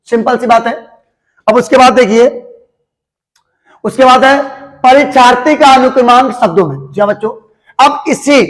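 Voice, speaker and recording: A man with a very high voice gives a patient classroom-style lesson. He repeats each step slowly and talks fondly to his students as children. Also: poor audio. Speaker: teacher.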